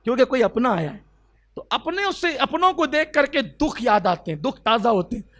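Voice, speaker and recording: High pitched guy preaching, urdu accent, gets loud then goes soft, keeps asking the crowd questions. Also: very animated. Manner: emotional, swells to loud exclamations and drops to soft; asks the audience rhetorical questions. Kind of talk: sermon storytelling.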